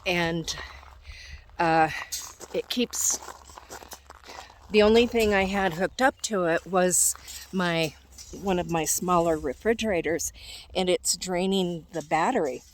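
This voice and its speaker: An older woman chatting casually on a vlog, short of breath in thin high-altitude air and halting as she searches for words. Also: a little hiss or hum. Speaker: vlogger. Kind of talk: casual rambling vlog chat.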